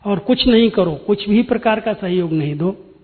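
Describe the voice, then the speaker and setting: A man's voice: sits high, lively intonation, moderate pace. Older man, spiritual talk, thin phone-like sound, long hall echo. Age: 60s. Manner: earnest storytelling, preachy and direct. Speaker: spiritual speaker. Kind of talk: spiritual discourse.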